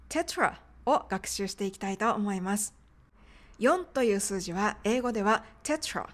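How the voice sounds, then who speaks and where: A woman teaching medical English pronunciation in a polite, explanatory podcast lesson. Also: medium pitch.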